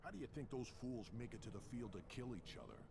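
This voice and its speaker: A man playing a gruff, combative alien warrior mechanic in a video game, proud, curt and sardonic. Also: mid-range voice, animated, fast. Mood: combative, boastful. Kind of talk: video game character acting. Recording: game ambience noise behind voice.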